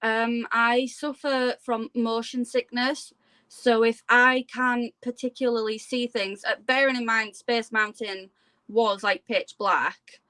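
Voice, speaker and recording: A woman with a fairly high voice chats informally as an interview guest. The sound is close and dry, with little room echo. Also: steady tone, slow pace, pushed and bright, clean tone. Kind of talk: casual chat.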